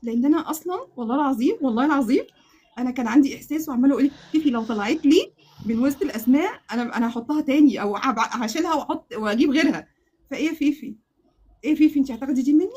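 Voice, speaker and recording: Egyptian woman, live-stream crochet host, high voice, quick excitable talk full of laughter and oaths. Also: husky. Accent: Egyptian Arabic. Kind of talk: live-stream giveaway chat.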